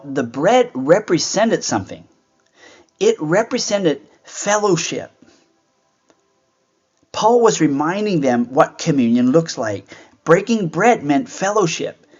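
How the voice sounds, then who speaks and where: Earnest man teaching scripture, lo-fi. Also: on the high side. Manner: earnest, conversational, rhetorical questions. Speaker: host of a Bible teaching show. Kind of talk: devotional Bible teaching. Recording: dull lo-fi sound.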